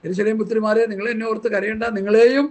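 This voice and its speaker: A man's voice: sits high, fairly even intonation, quick pace, darkish tone. A man preaching a Bible study sermon in an impassioned, scolding way, full of rhetorical questions. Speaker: pastor.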